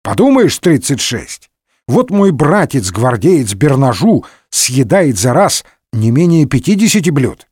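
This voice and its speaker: A man's voice: medium pitch, sing-song, a little slow, slightly rough, dry recording, studio quality. Man doing a sneering tavern braggart. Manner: sneering and loud. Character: mocking boastful male tavern patron.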